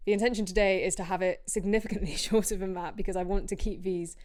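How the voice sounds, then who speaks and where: A woman's voice: mid-range voice, steady tone, fast talker, darkish tone. A young woman hosting her own podcast, chatting in a rambling, self-deprecating way while tired from little sleep. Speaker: podcast host. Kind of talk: casual solo podcast chat. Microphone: podcast microphone.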